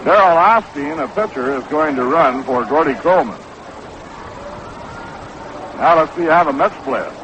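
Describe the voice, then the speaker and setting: On a 1960s radio broadcast, a man calls live baseball play-by-play from an outdoor ballpark broadcast position. His calls are measured and descriptive, quickening when there's action, in a slightly high, animated and somewhat bright voice. The vintage recording is noisy and dull.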